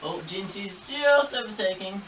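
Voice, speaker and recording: A man's voice: sits high, lively intonation, moderate pace, roomy sound, dull audio, noisy background. A man chatting about his model trains, sometimes breaking into playful race-caller bursts. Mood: excited commentary. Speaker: model railway hobbyist. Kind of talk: casual chat with bursts of mock race commentary.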